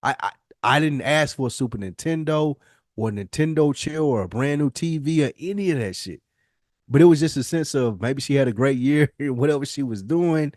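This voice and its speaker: Animated and a little mellow, a forties-aged male podcast co-host spins casual personal stories at a moderate pace in a mid-range voice. His talk is profane and full of slang, with phrases repeated for emphasis, captured in a dry, close recording.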